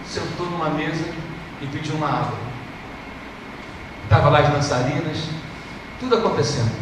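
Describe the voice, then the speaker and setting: A Brazilian man preaching a sermon in church, moving from hushed storytelling to impassioned shouting. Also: a little high. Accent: Brazilian Portuguese. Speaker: pastor. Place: church service. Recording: echoey hall from far off, noisy.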